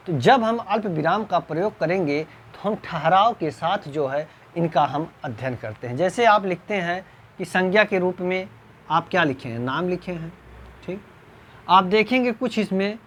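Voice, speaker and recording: A man teaching Hindi grammar in an exam-prep lecture, reading example sentences slowly and putting rhetorical questions to his students. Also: sits high, a bit bright, a little hiss or hum.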